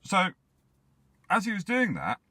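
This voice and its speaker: A man casually retelling an old myth as a comic story, full of deadpan asides. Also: high-pitched, a little slow, no echo. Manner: jokey, deadpan asides, rambling.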